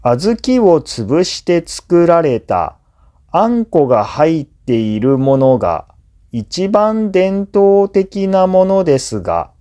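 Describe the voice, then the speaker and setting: This is a language teacher, a native Japanese speaker, reading scripted educational narration for listening practice. His male voice is slow, mellow and on the high side, with measured, clearly phrased explanatory delivery.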